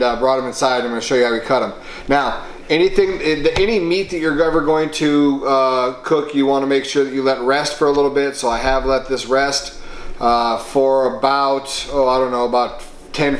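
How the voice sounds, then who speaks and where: A man hosting a cooking show, giving a relaxed, folksy demonstration with many fillers, indoors in a kitchen. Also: mid-range voice, echoey room.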